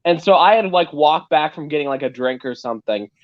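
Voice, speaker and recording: Lively animated young man. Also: on the high side, no room sound, lo-fi sound. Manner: animated, joking, fast storytelling. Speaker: guest YouTuber. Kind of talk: casual stream chat.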